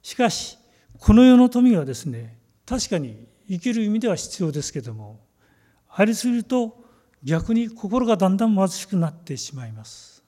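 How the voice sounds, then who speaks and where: A man delivers a sermon in a fairly high but mellow voice. His phrasing is measured and deliberate, and he slows down to stress key words. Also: sing-song. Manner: measured, emphatic preaching with slow stressed phrases. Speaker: pastor.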